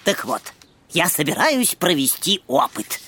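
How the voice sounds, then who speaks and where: An earnest, bookish cartoon boy who lectures eagerly about science, played by a woman. His voice sits fairly low for the part but moves a lot. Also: very animated, unhurried, background noise.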